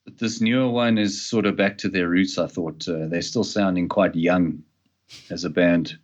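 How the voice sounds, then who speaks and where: A man from Utah chatting as a guest on a remote call, a laid-back storyteller who drops into low mumbles. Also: steady tone, normal speed, lo-fi sound. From Utah, USA. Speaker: guest, former touring guitarist. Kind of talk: casual chat.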